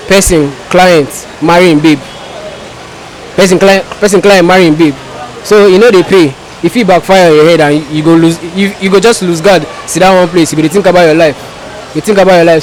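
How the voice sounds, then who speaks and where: A man's voice: high-pitched, rough recording. A man with a Nigerian accent giving exhorting advice in West African Pidgin, often repeating his phrases. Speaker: street interviewee.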